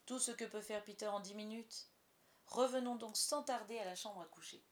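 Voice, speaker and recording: A woman narrating a storybook aloud with expressive storytelling. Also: mid-range voice, moderate pace. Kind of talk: audiobook narration.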